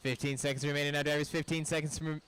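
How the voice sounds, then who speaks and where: Man, race announcer, slightly high voice, brisk, calling drivers and results, indoor raceway. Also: little pitch movement, fairly bright tone, slight background noise, poor audio. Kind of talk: live race-control announcing.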